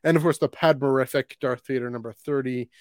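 A man's voice: medium pitch, fairly even intonation, fairly quick, no room sound, studio quality. A man from Canada co-hosting a live podcast in casual chat, rambling through plugs and correcting himself as he goes. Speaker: podcast co-host.

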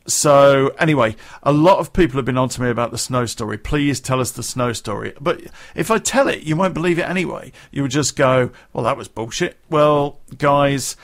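A man vlogging to his viewers in a casual, rambling way. He swears freely and often restarts his sentences. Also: mid-range voice. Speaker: gaming vlogger.

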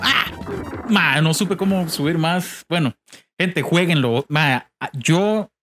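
A Costa Rican man with a slightly high voice hosts a casual gameplay chat, full of slang and stray English words. Game music plays clearly behind him. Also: slow, fairly bright tone. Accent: Costa Rican Spanish. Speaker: co-host.

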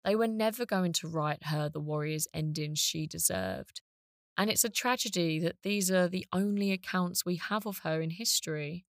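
A woman's voice: on the low side, moderate pace, no room sound, clean studio sound. A woman podcast host delivering scripted narration. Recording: spoken over music.

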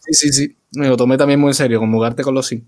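A man's voice: medium pitch, fairly even intonation, fast, a little mellow. Laid-back man hosting a chat. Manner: leads the segment, laughs often. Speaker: podcast host. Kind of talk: casual chat among friends.

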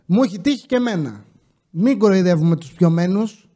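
High-voiced joking male storyteller. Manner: animated, joking, slangy, with coughs and asides. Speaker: podcast host telling casino work stories. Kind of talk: casual storytelling monologue.

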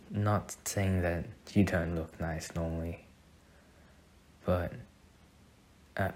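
In an ASMR roleplay, a man plays a sweet, shy young student boyfriend on a first date, soft-spoken, bashful and admiring. His low voice stays fairly flat, and he speaks slowly and hesitantly, with slight background noise.

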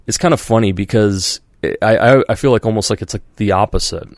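A podcast host with a fairly low male voice rambles through a casual chat, restarting often, leaning on "like" and "you know," and slipping into quoted voices. He talks briskly, and the recording is dry and close with no room sound.

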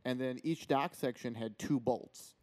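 A man's voice: mid-range voice, measured pace, a little mellow. A man hosting a podcast in casual conversation, with an enthusiastic, playful way of talking. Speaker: podcast host. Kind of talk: casual chat.

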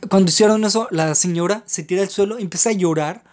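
A man's voice: high voice, fast. A man with a Mexican accent telling a personal story on a podcast in a rambling, slangy way, with many fillers. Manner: rambling and slangy, lots of filler words and restarts. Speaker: podcast host. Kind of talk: casual anecdotal storytelling.

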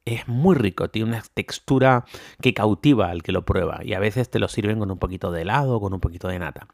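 A man's voice: on the low side, fairly quick, vocal fry, no echo, studio quality. A man from Tenerife with a mixed Canarian and peninsular Spanish accent, hosting a casual solo podcast in a chatty, enthusiastic way with many fillers and tag questions. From Tenerife, Canary Islands. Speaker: podcast host.

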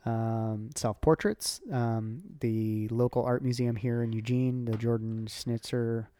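A woman's voice: rumbling low, steady tone, slow, mellow, no echo. A woman hosting a casual podcast chat, rambling with lots of ums. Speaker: podcast host.

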